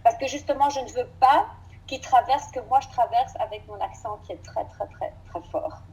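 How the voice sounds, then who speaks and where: A woman French teacher talking in a casual interview, lively, laughing often and repeating words for emphasis. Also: fairly high pitch, a little fast, muffled recording.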